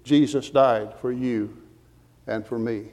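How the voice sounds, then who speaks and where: Emphatic preacher in a reverberant hall. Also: male voice, medium pitch, steady tone, slow pace, a little mellow. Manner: earnest, emphatic, quotes scripture with references. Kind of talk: sermon.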